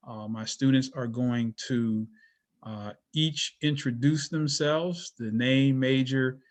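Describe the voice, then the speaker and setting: A middle-aged man opens a class presentation as the professor in charge. He talks haltingly, stopping and restarting often and filling gaps with plenty of "uh"s. His voice comes through a video call. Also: mid-range voice. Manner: halting, filler-heavy, many restarts. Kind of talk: online presentation introduction.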